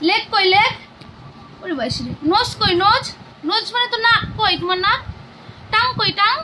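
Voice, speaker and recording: A young woman, a mother and vlogger casually quizzing her child with coaxing, animated questions. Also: very high-pitched, fairly quick, heavy background noise.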